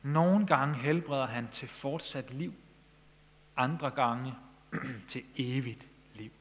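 A man's voice: medium pitch, fairly bright tone. A man preaching a sermon in Danish-language church style, earnest, pressing his listeners with questions. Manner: earnest, rising emphasis on questions. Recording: long echo of a large hall.

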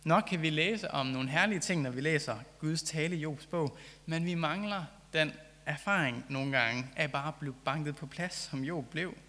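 A man preaches a sermon with earnest conviction, leaning into key phrases as he builds his point. His voice is fairly high and notably bright and forward. It rings out with a long hall reverb, as if spoken in a church. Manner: earnest, reads scripture then reflects with rising emphasis.

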